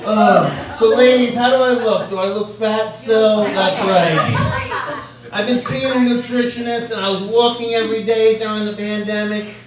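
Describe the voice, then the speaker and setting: High-voiced New comic in an echoey club. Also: male voice, moderate pace, distant mic. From Long Island, New York. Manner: deadpan self-deprecating delivery, banters with the crowd. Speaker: stand-up comedian. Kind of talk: stand-up comedy set. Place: comedy club with a laughing audience. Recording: echoey club, mic heard from afar, loud crowd.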